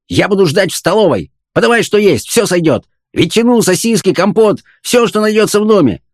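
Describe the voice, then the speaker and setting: A man voicing an irritable, bossy man, a cranky old professor in a young body, who shouts orders and rages. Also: a little high, animated, normal speed, dry recording, clean studio sound, pitched above the performer's own voice, close to an everyday voice. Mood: impatient, bossy.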